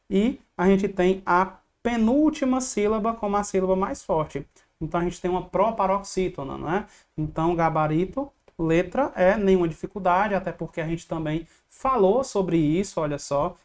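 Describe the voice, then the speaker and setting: A woman's voice: on the low side, a little mellow. A woman teacher walking students through exam questions in an online review lesson, explaining step by step and checking in often. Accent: Brazilian Portuguese.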